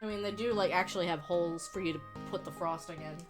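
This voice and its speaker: A woman's voice: fairly low pitch, quick pace. A woman hosting a livestream, chatting casually to viewers in a bubbly, chirpy way. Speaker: livestream host. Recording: music playing behind the voice. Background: background music.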